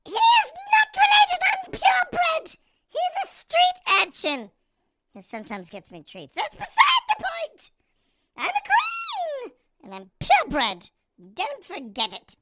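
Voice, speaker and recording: A man's voice: very high voice, huge pitch swings, slow pace, shouting, heavy background noise, voice pushed up, exaggerated voice. A man talking through a voice changer to voice his house cats, a haughty, boastful purebred queen cat. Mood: indignant. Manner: sassy, boastful, drawling. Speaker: streamer voicing his cats.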